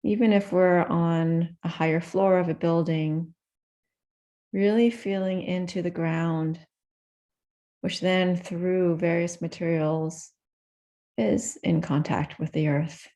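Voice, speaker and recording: Guiding a meditation, a woman speaks slowly and gently with soft pauses separating her phrases. Her voice is fairly low and her tone stays steady.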